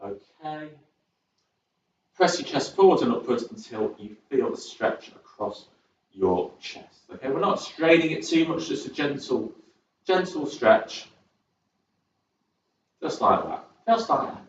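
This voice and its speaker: Born in Birmingham and raised in Southport, this English fitness instructor with a northern accent leads a chair-based exercise class at a community sports centre, chatty and upbeat, rambling between cues and counting down reps in each set. His medium-pitched voice is expressive, measured and full of long pauses. The recording is very echoey, distant and dull from the large room, with slight background noise.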